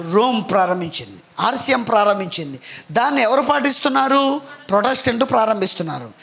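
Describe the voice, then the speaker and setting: A man's voice: extremely high pitch, vocal fry, pushed and bright. A man preaching a sermon, asking his congregation questions and answering them, with frequent calls of praise. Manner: call-and-response preaching, repeated "Praise the Lord"; mixes English words into his sermon. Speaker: pastor.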